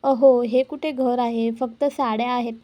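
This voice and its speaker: A woman's voice: fairly high pitch, steady tone, measured pace, lo-fi sound, natural voice. Playful young husband Arjun, read by a woman. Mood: teasing. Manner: lightly teasing.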